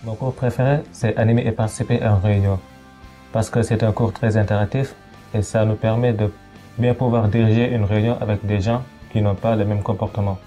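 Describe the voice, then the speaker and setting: Young man, from Senegal, calm measured student testimonial, low mellow voice, soft music.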